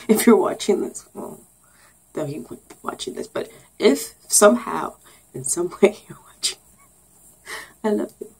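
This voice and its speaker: A woman's voice: medium pitch, lively intonation, a little slow, vocal fry, long pauses, slightly rough, rough recording. A young woman vlogging casually, rambling and giggling, with lots of ums and sarcastic asides. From Canada. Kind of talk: casual get-to-know-me vlog.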